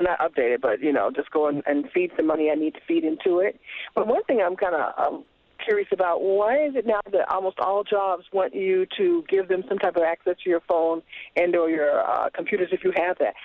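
A woman's voice: fairly low pitch, no echo. A middle-aged woman calling in to a radio show on an old flip phone, chatting casually and correcting herself as she goes. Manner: chatty, rambling, self-correcting. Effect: phone call from an old flip phone. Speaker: caller. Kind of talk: casual chat. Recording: tinny phone line.

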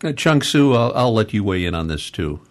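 A man's voice: on the low side, sing-song, normal speed. A man hosting a public affairs interview, introducing topics and putting questions to guests. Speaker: host.

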